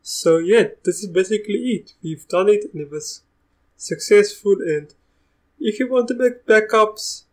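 A young man with a South African accent touched by Russian, hosting a live software tutorial in a chatty, easygoing way, restarting sentences as he goes. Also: high voice, unhurried, rough recording. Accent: South African, with a bit of Russian. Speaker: tech tutorial host.

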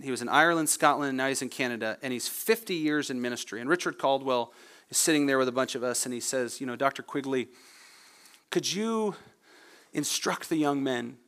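A male pastor preaching a sermon, moving from loud, emphatic peaks to quiet, low storytelling. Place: church sanctuary.

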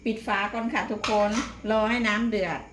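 A woman's voice: fairly high pitch, little pitch movement, brisk. A middle-aged woman with an Isan Thai accent, chatting folksily to viewers as she demonstrates home cooking, with polite particles throughout. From Isan, northeastern Thailand. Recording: echoey room, clear background noise, clattering pots.

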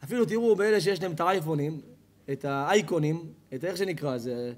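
A man, a rabbi, giving a lively sermon to a live audience, telling stories, asking the audience questions and joking. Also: on the high side. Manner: animated storytelling, asks the audience questions, jokes. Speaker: rabbi giving a Torah lecture. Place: hall with an audience.

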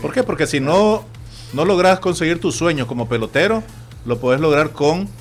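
A man with a Nicaraguan Spanish accent hosting a sports radio talk show, telling stories in an animated way and acting out other people's voices. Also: fairly high pitch, normal speed, soft background music. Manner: animated storytelling, acts out quoted voices. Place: radio studio.

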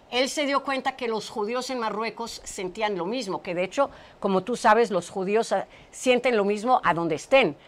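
A middle-aged woman from Portugal hosting a studio talk show, chatting and translating for her guest, often repeating words as she goes. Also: mid-range voice. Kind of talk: casual chat, interpreting for a guest. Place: small studio set with brick wall. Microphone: lapel mic.

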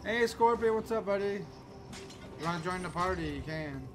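A man from the Chicago area hosting a game stream, loud and excitable and swearing now and then as he plays. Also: high voice, normal speed. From Chicago area, USA. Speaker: streamer host. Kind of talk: casual gaming chat. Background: game music.

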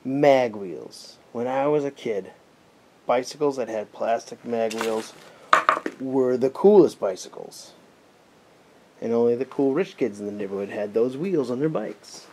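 A medium-pitched, mellow man's voice at a measured pace belongs to an American urban explorer vlogger in his forties. He narrates a casual exploring vlog inside and behind a derelict abandoned house, wry and muttering asides to himself. A handheld camera mic captures the noisy audio.

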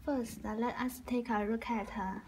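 A woman who speaks Chinese as her first language and has a Chinese accent narrates a product showcase for an online shoe seller. Her voice sits a little high, and she names each part in short, simple, halting English phrases. The recording is noisy and has clicks in it. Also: steady tone, darkish tone. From China.

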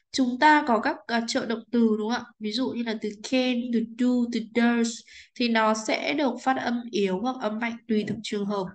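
Patient Vietnamese-accented woman teaching English. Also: on the high side. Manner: patient, asks "right?" often. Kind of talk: explaining a textbook lesson.

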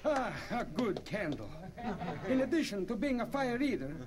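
A man's voice: very high voice, big pitch swings, normal speed, crowd noise. A man playing a pompous, proud carnival showman, declaiming a sideshow spiel in a comedy sketch. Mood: pompous pride. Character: pompous carnival fire-eater and proud insect-circus showman.

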